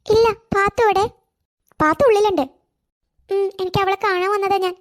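A woman's voice: steady tone, moderate pace. A woman voicing a hungry, sad little girl in a cartoon, speaking in a plaintive, childlike way. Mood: eager. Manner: high childlike voice, plaintive and self-pitying. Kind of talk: cartoon voice acting.

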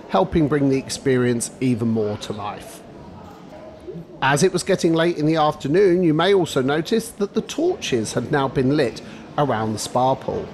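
A middle-aged man narrating a travel vlog voice-over, measured and guide-like, giving practical tips. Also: fairly high pitch, a little hiss or hum. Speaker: travel vlogger.

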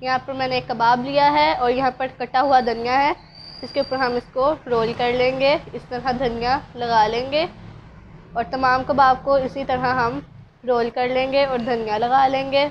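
A woman with a Pakistani Urdu accent narrates a home recipe step by step, talking straight to her viewers. Her voice sits high and her manner stays calm and instructive. The recording is slightly muffled, with a faint hum of the room behind her. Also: normal speed. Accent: Urdu-speaking Pakistani. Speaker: cooking channel host. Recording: dull lo-fi sound, faint room ambience.

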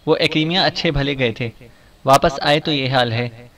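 A man's voice: mid-range voice, normal speed, a bit bright, distant mic, natural voice. A man voicing a timid male household servant who speaks tearfully and very politely. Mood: pleading.

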